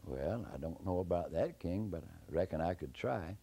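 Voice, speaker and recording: A man's voice: mid-range voice, animated, fairly quick, mellow, slight background noise, lightly acted. A man voicing Jack, a puny, lazy young man, bragging in a sly country drawl. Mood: wary.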